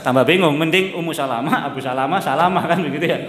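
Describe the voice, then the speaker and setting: A man's voice: a little high, quick pace, a crowd in the background. A man giving a religious study lecture as a preacher, chatty, often checking that listeners follow, laughing, and chanting Arabic text. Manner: mixes in Javanese phrases and chants Arabic text. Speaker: Islamic preacher. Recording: echoey hall, long reverb.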